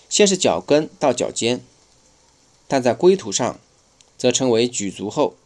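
Man reading a nonfiction book aloud. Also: medium pitch. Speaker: audiobook reader. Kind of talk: first-person nonfiction reading.

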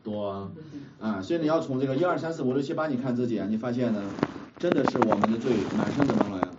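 A man's voice: medium pitch, very fast. A man preaching a sermon in a church hall, constantly putting questions to the congregation and often laughing as he speaks. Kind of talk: sermon with call-and-response. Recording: muffled, distant, noisy room recording.

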